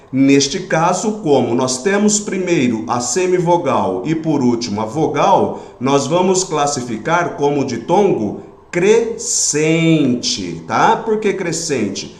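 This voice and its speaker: A man teaching a grammar lesson in Brazilian Portuguese, patient, pausing often to check that students follow. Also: on the high side, a little mellow, echoey room.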